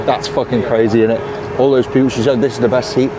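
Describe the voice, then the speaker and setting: A young man hosting a casual vlog, excitable and quick to laugh, swearing freely as he chats to camera. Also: medium pitch. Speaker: DJ and vlog host. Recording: clear background traffic noise.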